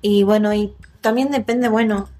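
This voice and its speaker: A woman's voice: medium pitch, fairly even intonation, moderate pace, mellow. A woman with an Argentine accent talking in casual chat, explaining earnestly. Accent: Argentine Spanish.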